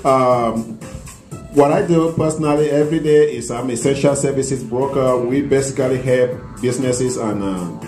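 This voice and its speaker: Middle-aged man, Cameroonian accent, earnest interview guest, dark mellow tone, roomy studio echo. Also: medium pitch, soft background music. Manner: earnest, spells details out slowly. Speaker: guest, business owner. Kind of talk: promotional interview. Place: small studio set with couches. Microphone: handheld mic.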